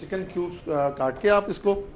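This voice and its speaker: A man's voice: sits high, muffled recording. A man who is a guest chef, politely giving step-by-step cooking instructions. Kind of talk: talking through a recipe.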